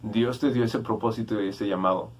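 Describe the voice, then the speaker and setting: A man's voice: fairly low pitch, steady tone, a little fast. A man with a Mexican accent preaching a casual youth sermon, conversational and slangy, often checking in with listeners. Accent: Mexican Spanish.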